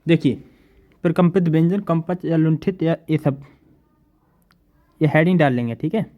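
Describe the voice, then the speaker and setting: A male teacher giving a classroom lecture, repeating definitions slowly and asking his students questions. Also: a little high, narrow, tinny audio.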